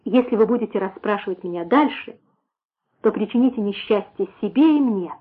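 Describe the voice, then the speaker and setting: A woman reading an audiobook, voicing a sorrowful young woman who speaks softly and with restraint. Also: medium pitch, animated, brisk, slightly rough. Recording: tinny phone-like sound.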